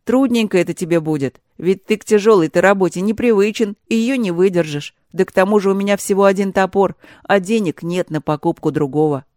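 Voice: medium pitch, a little fast, few pauses, darkish tone, dry recording, clean studio sound, lightly acted. Reader doing a fussy old woodcutter father. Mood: fussy fatherly. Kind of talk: audiobook fairy-tale reading.

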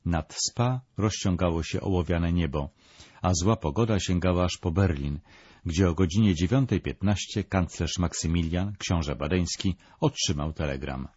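A man narrates a historical documentary in a measured, even reading voice. His voice sits low and has a husky edge. The recording is dry and dull, with a lo-fi sound. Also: dry recording.

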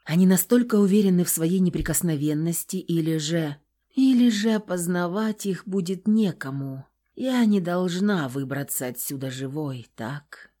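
A woman's voice: fairly low pitch, lively intonation, moderate pace, dark tone. A woman narrating an audiobook in the first person, with a tense, dramatic delivery.

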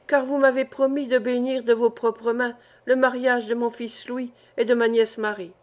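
A woman voicing a vigorous, cheerful old male sailor in his sixties, talking in loud, excited exclamations. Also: a little high, moderate pace, natural voice. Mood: jubilant.

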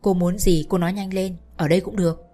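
A woman reading a story aloud, voicing a gentle, heartbroken young man who speaks in sorrowful, resigned tones. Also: fairly low pitch, steady tone, fast, natural voice. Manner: sorrowful, choked pleading.

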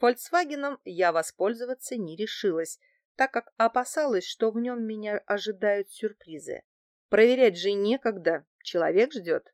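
A woman narrating a first-person audiobook in an even, measured way. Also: medium pitch, no echo, studio quality.

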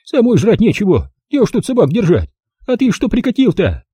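A sharp-tongued old countrywoman, brusque and scornful, as voiced by a man reading aloud. The voice sits high and swoops widely, with a dark, husky grain. It sounds dry and close to the mic. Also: huge pitch swings, fairly quick, no room sound, exaggerated voice. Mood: bossy. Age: older. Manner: scolding, rustic, brusque. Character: feisty old village woman, sharp-tongued, bossy.

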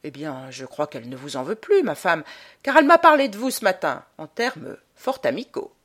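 A woman's voice: deep voice, very animated, moderate pace, a bit bright, full character voice. A woman playing Bondel, awkward coaxing husband.

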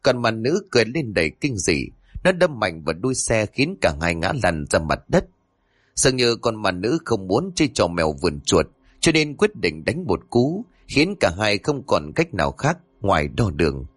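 A man narrating a scripted horror story in a lively, dramatic storytelling manner. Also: fairly low pitch, moderate pace, no echo, studio quality.

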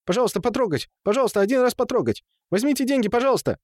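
A man voicing a simple-minded, childlike young man who pleads in a high voice and repeats his words frantically. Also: animated, racing, no echo, studio quality. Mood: pleading. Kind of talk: audiobook character voice.

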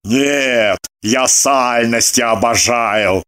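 A reader voicing a pompous, self-satisfied middle-aged husband who talks in booming, drawn-out exclamations in a lowered, changed voice. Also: fairly bright tone. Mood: smug.

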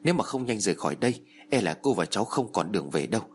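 A man's voice: fairly low pitch, sing-song, rapid-fire, slight background noise. Stern female spirit medium, voiced by a male storyteller, firm and urgent. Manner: firm and commanding.

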